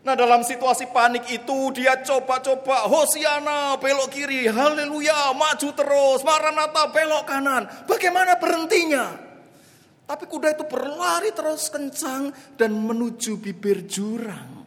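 A man preaching a sermon, telling a story dramatically and swinging between loud calls and hushed asides. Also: very high-pitched, moderate pace. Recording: long reverb of a large hall.

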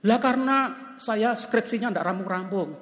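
A man's voice: high voice, moderate pace, fairly bright tone, big-room sound, voice pushed up. A male preacher voicing a distressed young male student, in a plaintive, whiny tone. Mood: complaining.

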